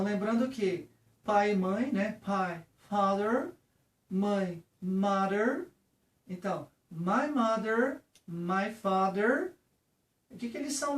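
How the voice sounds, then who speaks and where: A teacher with a Brazilian Portuguese accent giving a patient lesson on English vocabulary, often checking in with the viewer. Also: mid-range voice. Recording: roomy, from a distance.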